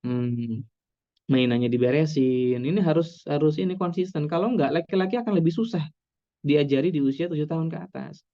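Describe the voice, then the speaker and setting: A man's voice: on the high side, a little fast, lo-fi sound. A man with an Indonesian accent, a psychologist giving a chatty, reassuring parenting webinar talk with laughs between points. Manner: warm, reassuring, repeats "nggak apa-apa" and "ya". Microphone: webinar computer mic.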